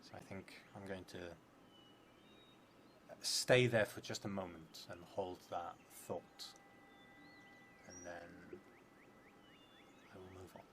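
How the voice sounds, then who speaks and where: A low-voiced man from outside England streams a solo tabletop roleplay game, seated at a table in an indoor room within a theatre. He narrates slowly with fairly even intonation and a slightly bright tone, reading prompts aloud with casual asides, hesitating, muttering to himself, and pausing long as he thinks aloud, all on a clearly noisy stream recording.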